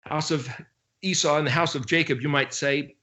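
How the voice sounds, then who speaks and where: A man giving an informal Bible study talk. He speaks in an animated way, with sarcastic asides, and slowly spells out Hebrew letters. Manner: animated, with sarcastic asides and sudden jumps in pitch. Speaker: Bible teacher.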